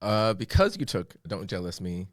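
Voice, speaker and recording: A man's voice: low-pitched, very animated, moderate pace, dry recording, clean studio sound. A man co-hosting a podcast in casual chat, jokey and organized as he runs the picks. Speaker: podcast co-host.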